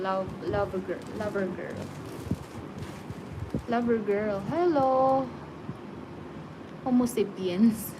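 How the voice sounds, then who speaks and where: A woman in her thirties hosting a livestream on her phone, reading out viewer comments and chatting casually. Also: a little high. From Philippines. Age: 30s. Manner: reads viewer comments aloud, friendly small talk. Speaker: livestream host. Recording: loud background noise.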